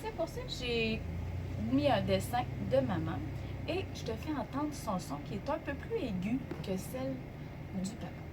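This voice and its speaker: A young woman, teaching a children's music lesson in a slow, encouraging, sing-song way. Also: on the high side, sing-song, background noise.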